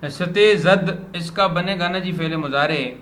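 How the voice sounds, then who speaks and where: A man teaching a grammar lesson to a student, patiently repeating words slowly as a drill. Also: high-pitched, fairly bright tone. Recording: roomy echo, faint background noise.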